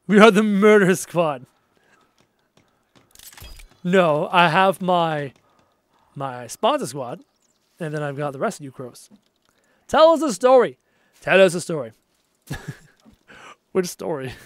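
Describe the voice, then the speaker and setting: A man streams a game live from his home desk, chatting with viewers, reading their messages aloud, and getting excited easily. His high voice is worn and fading, his energy is low, and he speaks slowly with long pauses. There's no room sound.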